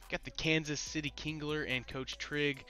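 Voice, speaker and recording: A man's voice: on the high side, level tone, moderate pace, pushed and bright. A man with a congested, pinched-nose sound from a cold, giving solo rankings commentary as the host. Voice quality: nasal, stuffed-up as if pinching nose. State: congested, getting over a cold. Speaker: host, esports league commentator.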